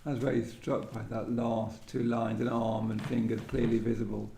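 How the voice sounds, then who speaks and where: He has a warm, mid-range voice with vocal fry, a level tone and moderate pace. As host of a poetry event, he guides a literary discussion thoughtfully, speaking in tentative phrases that tend to end in a questioning tag, with the echo and slight noise of an indoor live setting around him.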